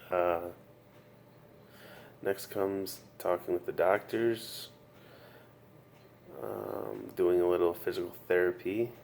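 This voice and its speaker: Very deep, weary man, slow and halting. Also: vocal fry, darkish tone. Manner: earnest, halting, repeats himself. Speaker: patient sharing his recovery story. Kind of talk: casual video diary with advice. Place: hospital room. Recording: noticeable background room noise.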